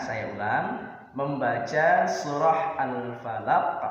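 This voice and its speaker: Slow echoey male teacher chanting recitation. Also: medium pitch, a little hiss or hum. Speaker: religious education teacher. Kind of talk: online recitation lesson. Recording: echoey lo-fi room recording.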